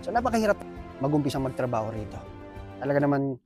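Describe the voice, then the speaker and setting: A Filipino man, a factory worker, telling an earnest, animated story in a casual vlog. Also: mid-range voice, quick pace, soft background music.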